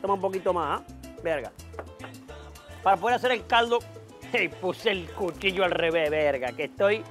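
A man's voice: high voice, normal speed, a bit bright, faint music behind. A man playing a boastful, tipsy TV cook with a Venezuelan accent who swears constantly and brags about his garden. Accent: Venezuelan Spanish. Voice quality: swaggering, swears constantly, rowdy exclamations. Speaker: comic cooking-show character. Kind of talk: sketch comedy acting.

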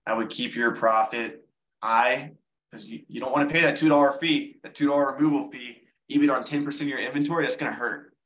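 A man's voice: mid-range voice, fairly even intonation, brisk, a bit bright, low-quality recording. A man hosting a live online selling webinar, explaining things in a casual way, often restarting his phrases and taking questions from viewers. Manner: casual, repeats words while explaining. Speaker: online seller giving a webinar.

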